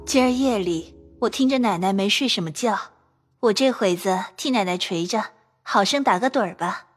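A woman voicing a loyal young maid who speaks softly and coaxingly in an audio drama. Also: mid-range voice, moderate pace, breathy edge, soft background music, natural voice. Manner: soft, coaxing, placating. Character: gentle, devoted young maid, soothing and loyal.

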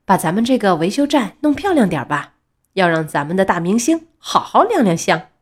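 A woman voicing a wise old male race car doctor in a storybook, calm and fatherly. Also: medium pitch, brisk.

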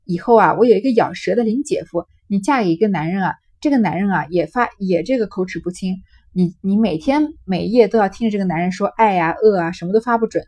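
A woman's voice: mid-range voice, quick pace, a little mellow. A woman who reads a classic novel aloud, then retells and explains it in a conversational way.

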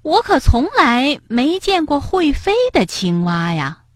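A woman voicing an eager, cheerful little rabbit in a children's story, talking in a high, bouncy way. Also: huge pitch swings, a little slow, fairly bright tone, dry recording, studio quality, heavily acted. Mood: excited.

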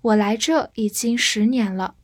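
A woman teaching English words, explaining in Chinese and reading each English example slowly, then repeating it. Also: fairly high pitch, no room sound, clean studio sound. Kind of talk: vocabulary lesson.

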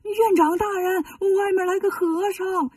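A woman's voice: a little high, lively intonation, normal speed, mellow, slightly rough, no echo, studio quality, recorded from a distance. A woman voicing a timid young male temple handyman monk who talks in a nervous, hesitant way, in a storybook retelling. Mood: frightened.

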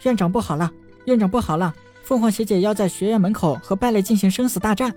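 A flustered young schoolgirl who blurts out bad news in quick, alarmed bursts, voiced by a male narrator. Her voice is raised higher and hurried, a storybook messenger in a panic. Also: a little mellow, soft background music, natural voice. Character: panicked young female student.

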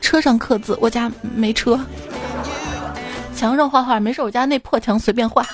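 A woman's voice: fairly high pitch, steady tone, moderate pace, music in the background. A woman hosting a podcast, reading out funny anecdotes and laughing at her own jokes. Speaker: podcast host.

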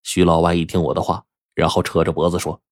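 A man narrating a first-person story for an audiobook in a colloquial, animated way. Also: deep voice, quick pace, no echo, clean studio sound.

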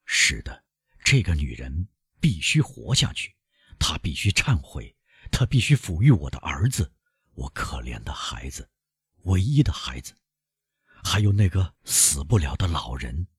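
A man's voice: sits low, very animated, a little slow, breathy edge, dry recording, studio quality, heavily acted. A man voicing an anguished, guilt-ridden middle-aged male prosecutor in an audiobook, with frantic, self-accusing outbursts. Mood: brooding resolve. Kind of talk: audiobook character voice.

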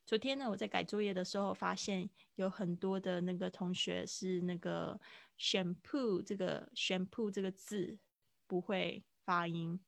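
A woman patiently explains English phrases to students in a live online class. Her voice has a gravelly edge, and the sound is dry and close, with no room behind it. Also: lowish voice, little pitch movement, normal speed, few pauses, no room sound. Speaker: English teacher.

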